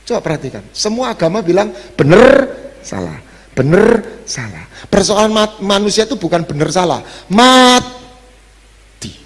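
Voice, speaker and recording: A man's voice: high-pitched, big pitch swings, moderate pace. A male pastor preaching a sermon, mixing in English phrases and building to sudden emphatic peaks. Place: church hall. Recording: long reverb of a church hall.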